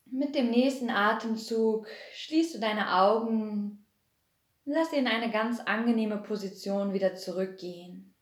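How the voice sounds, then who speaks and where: A woman guiding a relaxation meditation, speaking in a soothing way and slowly counting down to deepen the relaxation. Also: echoey room. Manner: slow, soothing, repetitive counting down. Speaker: meditation guide. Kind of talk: guided hypnosis meditation.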